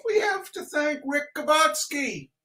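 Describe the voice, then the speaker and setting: In a rambling, casual livestream introduction full of shout-outs, a male host and reader throws in theatrical, mock-grandiose flourishes. His voice is extremely high, very animated, pushed and bright, and a little slow.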